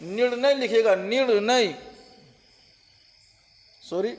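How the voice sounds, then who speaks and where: Guy teaching an exam-prep class online, pretty high voice, repeats stuff patiently, echoey room. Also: slow. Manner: patient, repeats terms and checks understanding. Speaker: Urdu-Hindi translation teacher.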